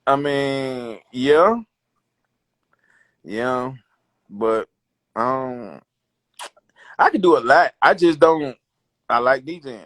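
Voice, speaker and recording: A man in his thirties speaks with an Alabama Southern accent in a dry, close recording. He is relaxed and slangy, giving short, casual answers in an interview. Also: medium pitch, very slow, long pauses, dry recording. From Alabama, United States. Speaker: DJ and rapper, interview guest. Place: small wood-panelled room indoors. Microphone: phone at close range, video call.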